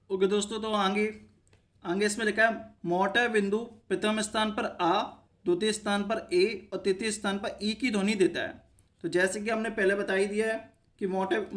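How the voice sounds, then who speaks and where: In a high voice, a man walks through a shorthand lesson, asking himself brief questions and answering them at every step. He frequently stops to make sure viewers keep up.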